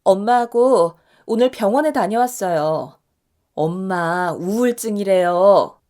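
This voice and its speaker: An impassioned adult daughter, played by a woman in a radio story drama. She speaks up loudly and with heat, pitched a bit above the narrator's own voice. She protests on her mother's behalf. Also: animated, takes it slowly. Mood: protesting. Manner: loud, impassioned pleading.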